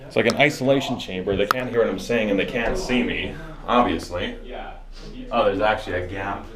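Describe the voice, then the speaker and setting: Speaking briskly in a voice on the low side, an actor gives casual vlog chat to his own handheld action camera from a film set, rambling with jokes and swearing. The indoor closet and hotel rooms sound echoey, with crowds bustling nearby.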